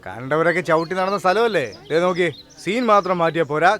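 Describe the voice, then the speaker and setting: A man's voice: high-pitched, fairly quick, fairly bright tone. A man playing an arrogant, mocking male movie star in a dubbed film, talking in a bossy way. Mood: lecturing.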